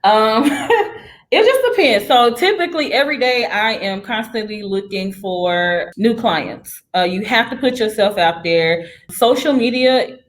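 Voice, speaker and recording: A woman's voice: on the high side, expressive, unhurried. A young woman realtor in a casual career interview, talking in an upbeat, chatty way and laughing often. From United States.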